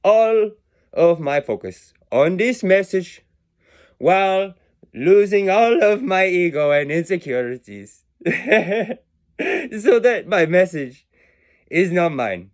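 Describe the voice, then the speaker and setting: A man's voice: high voice, very animated, takes it slowly. A man giving a rambling, philosophical monologue about numbers, meandering and self-mocking, his accent drifting in and out. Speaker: video creator musing on numbers and words.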